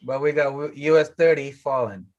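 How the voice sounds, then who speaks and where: A man's voice: fairly high pitch, moderate pace, dull audio. Man chatting casually on a live trading stream. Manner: relaxed, chuckling, talks over others.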